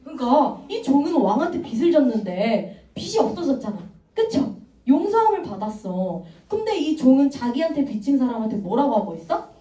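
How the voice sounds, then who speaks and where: A woman evangelist giving an animated children's sermon and quizzing the kids. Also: high-pitched, fairly quick, a little hiss or hum. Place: church room. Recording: echoey room, mic far off.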